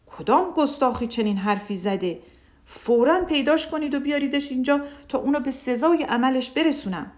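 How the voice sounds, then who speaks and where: Woman playing an angry bossy ruler in a kids tale, loud, big pitch swings. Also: expressive. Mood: furious. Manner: loud, commanding. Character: angry, proud male ruler.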